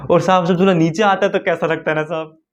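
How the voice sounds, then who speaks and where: A man's voice: fairly high pitch, fairly even intonation, fast talker, close to an everyday voice. An actor playing a poor young man who pleads with a sir about a childhood of hunger, in an audition monologue. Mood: wistful. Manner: pleading, addressing a sir again and again.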